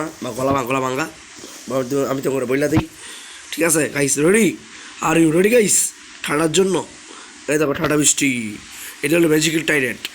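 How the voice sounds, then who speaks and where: A young man, hoarse from a sore throat, chatting casually as he plays a game and keeps asking viewers to subscribe. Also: on the high side, fairly bright tone, a little hiss or hum. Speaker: gaming channel host. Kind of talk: casual gameplay commentary.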